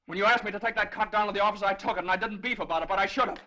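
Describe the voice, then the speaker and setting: A man's voice: high-pitched, rapid-fire, lo-fi sound. An actor playing a young lawyer and frantic father, pleading urgently in 1930s film style. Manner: urgent, pleading, breaking into shouts.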